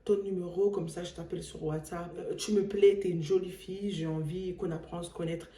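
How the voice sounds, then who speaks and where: A man's voice: sits high, flat delivery, a little fast, mellow, lightly acted. Woman doing a pushy guy who won't take no, wheedling, echoey room. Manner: wheedling, insistent. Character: pushy young man pestering a woman.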